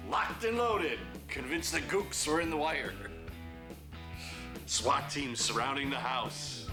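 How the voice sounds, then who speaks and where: Actor as a haunted Vietnam vet, mid-range voice, guitar music under. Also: male voice, low-pitched, lightly acted. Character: haunted male Vietnam veteran. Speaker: Vietnam veteran in counseling group.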